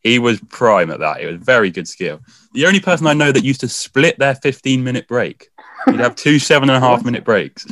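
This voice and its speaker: A man's voice: mid-range voice, expressive, fairly quick, a bit bright, no echo. A young man from England in a casual chat, making dry, wry remarks. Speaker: podcast guest.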